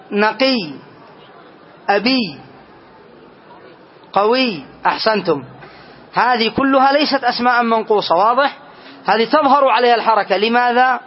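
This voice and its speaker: A man runs a grammar class with a notably high voice. He quizzes his students, then slows right down to spell out each example. The recording sounds dull and lo-fi. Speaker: teacher of Arabic grammar.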